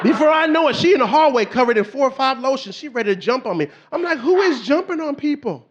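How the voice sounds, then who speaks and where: High-voiced man doing animated stand-up. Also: quick pace, dull audio, a little hiss or hum. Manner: animated storytelling, shouting exasperated quoted lines. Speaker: stand-up comedian. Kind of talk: stand-up comedy set. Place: comedy club stage with audience.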